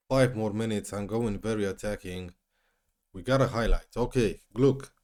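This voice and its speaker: Male gamer, lowish voice, play-by-play let's play commentary, frustrated outbursts. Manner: exasperated, swings from muttering to yelling. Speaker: gaming YouTuber.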